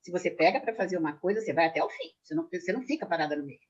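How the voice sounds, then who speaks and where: A woman in her sixties, a numerologist guest, telling animated stories quickly and emphatically in a casual video-call chat. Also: lowish voice, breathy edge, dull audio. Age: 60s.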